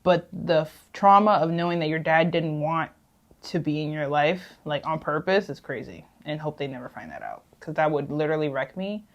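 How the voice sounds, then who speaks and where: A young woman co-hosting a casual podcast, giving measured opinions in long runs. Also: low-pitched, lively intonation, highs cut off. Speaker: podcast co-host. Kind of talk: casual chat.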